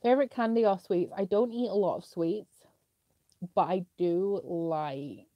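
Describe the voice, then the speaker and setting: A young British woman, sniffly and coughing slightly, chats casually while answering viewer questions on a live stream, filling her speech with lots of "like." Her voice is medium-pitched and unhurried, and the audio is dull with no echo.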